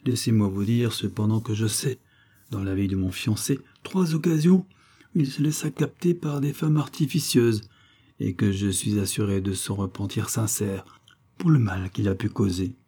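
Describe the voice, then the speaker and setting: A man's voice: lowish voice, normal speed, warm tone, husky. A man reading an audiobook, voicing a proud, cold young noblewoman who speaks icily and haughtily. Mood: icy. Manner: icy, haughty.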